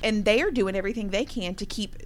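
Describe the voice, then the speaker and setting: A woman with a mid-range voice speaks quickly as she hosts a conversational interview with award winners. Her manner is encouraging and affirming.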